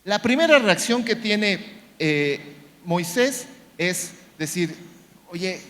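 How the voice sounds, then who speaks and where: A man's voice: high voice, animated, slow pace, a bit bright. A man preaching a sermon, retelling a story with acted-out quotes, many fillers and repeated words. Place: church. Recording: long church reverb.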